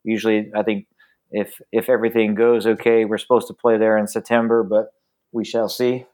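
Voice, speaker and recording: A man's voice: lowish voice, flat delivery, a little mellow. Man chatting casually with lots of ums and uhs. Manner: frequent ums and uhs, halting. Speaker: musician guest on a podcast. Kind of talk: casual interview chat.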